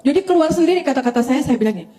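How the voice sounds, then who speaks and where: An older woman, a pastor, telling her conversion story to a congregation with lively storytelling and frequent direct address to her listeners. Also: high-pitched, racing. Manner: animated storytelling, often addressing listeners as brothers and sisters. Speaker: pastor giving a testimony. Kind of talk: testimony sermon to a congregation.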